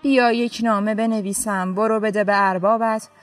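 A woman voicing an arrogant, scornful male governor in a story, talking down with loud, mocking words. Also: medium pitch, steady tone, faint music behind, close to an everyday voice. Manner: shouting, mocking and haughty.

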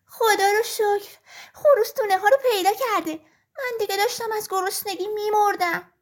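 A woman's voice: extremely high pitch, a bit bright, pitched above the performer's own voice. A woman voicing a flock of hungry, upset farmyard hens who complain shrilly in a children's story.

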